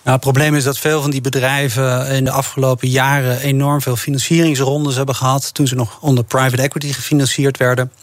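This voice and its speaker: Measured man discussing investment policy. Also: medium pitch, flat delivery, dry recording. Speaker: investment manager guest. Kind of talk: radio finance discussion.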